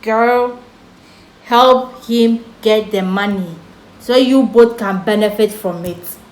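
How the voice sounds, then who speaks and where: Slow-talking Ghanaian woman, echoey room. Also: on the high side, darkish tone. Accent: Ghanaian English. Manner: slow, chatty, jokes and laughs about serious things. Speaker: vlogger. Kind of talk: storytime vlog. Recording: echoey room with faint background noise.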